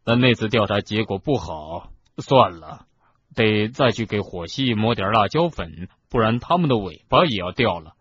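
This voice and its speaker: A man voicing a huge, gruff male gamekeeper who sounds weary and hides his hurt behind forced cheer, with a husky voice. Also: fairly low pitch, animated, moderate pace, a bit bright. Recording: dull lo-fi radio recording.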